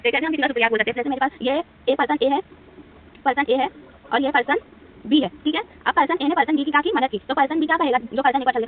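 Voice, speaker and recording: A woman teacher with an Indian accent, explaining a lesson at a board, asking questions and answering them herself. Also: sits high. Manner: asks and answers her own questions, repeats words. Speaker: English teacher. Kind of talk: whiteboard lesson. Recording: tinny lo-fi phone-like recording with faint hiss.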